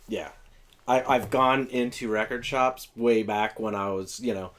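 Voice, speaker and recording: A man's voice: lowish voice, steady tone, a little slow, fairly bright tone. A man who is a longtime music fan, chatting casually and thinking aloud with many ums. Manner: thoughtful, hesitant, with ums and restarts. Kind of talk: casual chat about records.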